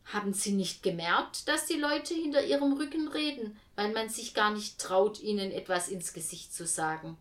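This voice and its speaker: A woman's voice: medium pitch, moderate pace, few pauses, natural voice. A woman voicing a kind, firm aunt. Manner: calm, gently firm. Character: kind, peace-loving aunt. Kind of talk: storybook reading.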